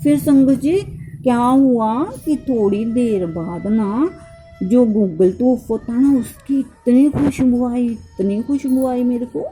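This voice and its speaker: A woman's voice: a little high, slow, dark tone, faint music behind. A middle-aged woman giving a devotional satsang testimony, telling her story and often turning to address the congregation.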